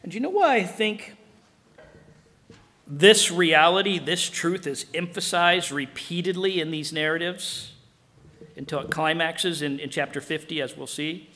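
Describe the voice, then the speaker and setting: A man preaching a sermon as pastor in an animated way, acting out dialogue. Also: a little high, a little slow, big-room sound.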